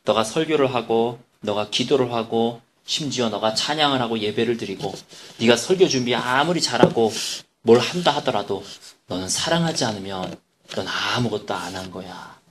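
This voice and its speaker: A man voicing God rebuking a pastor, in a slow, stern, measured way during a sermon. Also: medium pitch, expressive, noisy background, voice pushed down, close to an everyday voice.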